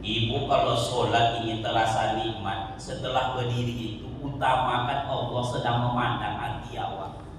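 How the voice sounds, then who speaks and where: A man preaching a sermon in a lively, joking way, sometimes chanting his phrases. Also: mid-range voice, normal speed. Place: mosque. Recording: echoey hall from far off, faint noise.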